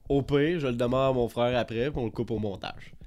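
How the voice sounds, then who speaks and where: A man's voice: mid-range voice, a little fast, crowd noise. A young man with a Québécois accent, co-hosting a casual podcast and telling stories with lots of slang and swearing. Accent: Québécois French. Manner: laughing storyteller, heavy slang swearing. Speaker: podcast co-host. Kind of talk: casual chat among friends.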